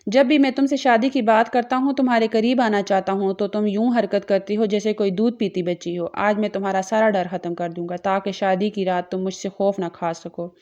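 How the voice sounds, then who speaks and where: A bold, coaxing young groom in a romance audiobook, read by a woman narrator. He speaks with persuasive insistence at a middle pitch. The recording sounds dull and lo-fi. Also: steady tone, few pauses, darkish tone, lightly acted.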